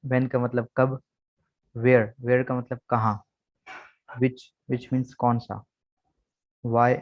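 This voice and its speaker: Man teaching an online English lesson. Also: mid-range voice. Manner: patient, repeats words, spells letters aloud. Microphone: video call. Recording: slightly dull video-call audio.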